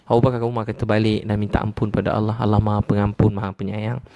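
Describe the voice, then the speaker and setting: A Malaysian man preaching in a low, mellow voice, recorded dry and close. He repeats short phrases with gentle emphasis and drops softly for his main points. He sounds like he is in his thirties. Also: level tone, fast, no echo. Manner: repetitive, gently emphatic, drops to soft lows. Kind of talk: religious lecture to a crowd.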